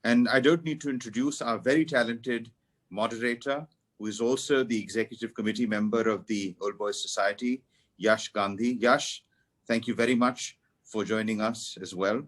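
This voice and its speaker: A man's voice: mid-range voice, fairly even intonation, moderate pace. Formal man welcoming an audience. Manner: courteous, formal phrasing. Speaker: event host giving welcome. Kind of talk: formal webinar welcome address.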